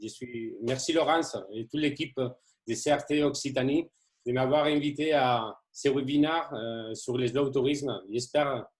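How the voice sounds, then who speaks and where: A man's voice: mid-range voice, fairly even intonation, measured pace. A man with a Spanish accent, a native Spanish speaker, giving a careful, formally phrased webinar presentation over a video call.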